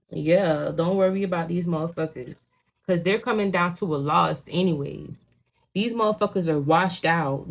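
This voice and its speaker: A young Haitian Creole-accented woman reads tarot casually in a lowish voice with vocal fry. Creole is her native language and she comes from a Haitian home. Her delivery is blunt and profane, heavy on "you know what I'm saying."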